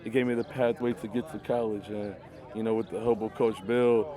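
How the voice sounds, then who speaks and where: A man's voice: lowish voice, flat delivery, brisk. Young male college athlete from Michigan, casual earnest interviewee, lots of fillers, outdoor crowd noise behind. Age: young adult. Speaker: college football player and interview guest. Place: outdoors at a youth football camp.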